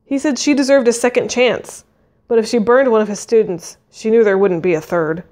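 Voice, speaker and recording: Woman reading a story aloud, slightly high. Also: brisk. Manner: expressive reading with voiced dialogue. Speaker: narrator. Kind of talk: audiobook reading.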